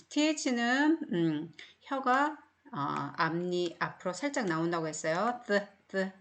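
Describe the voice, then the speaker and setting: A middle-aged Korean woman teaches beginner phonics at an unhurried pace. She sounds out each word and says it again, with patient, step-by-step explanations. Her voice sits at an ordinary mid pitch. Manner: patient, explains slowly and repeats words. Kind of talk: recorded online English lesson.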